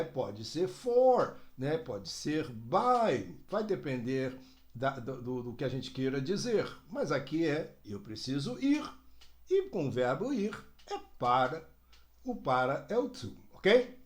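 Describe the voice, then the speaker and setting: A man teaching an English lesson to learners, lively and direct, slowing down to model phrases. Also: fairly high pitch. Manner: addresses learners directly, frequent "né?" and "ó". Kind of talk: video language lesson.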